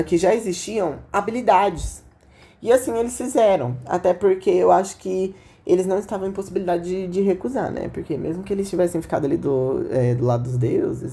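A woman's voice: on the low side, dark tone. A woman with a Brazilian accent and a voice altered by an inflamed, sore throat, hosting a podcast in a casual, chatty storytelling style that speaks straight to listeners. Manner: chatty, informal, addresses listeners directly. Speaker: podcast host.

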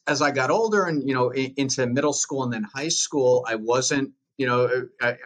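A man in his thirties from the United States, with a Long Island accent, chats as a podcast guest, telling his story with jokes and frequent restarts in a casual interview. His voice is medium-pitched and a bit bright, on a rough recording.

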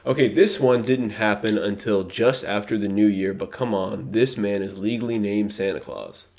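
A man's voice: on the low side, normal speed, creaky, darkish tone. A man co-hosting a podcast, telling a story in loose, swearing, rambling casual chat. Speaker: podcast co-host.

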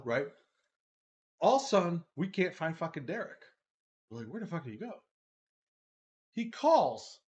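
A man's voice: fairly high pitch, a bit bright. Guy telling a story, swears a lot, keeps saying right?, voice swings all over. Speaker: co-host. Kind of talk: casual chat, storytelling.

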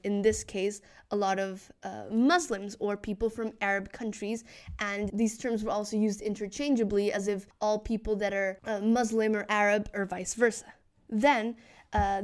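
A woman hosting a podcast, explaining a topic in a steady, scripted way. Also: mid-range voice. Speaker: podcast host.

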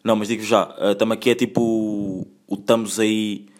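A young man from Angola talks through a casual solo podcast from his home. His slightly low voice rolls along in loose, slang-filled chat, dropping in English phrases as he goes. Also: little pitch movement, normal speed. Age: 20s. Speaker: podcast host.

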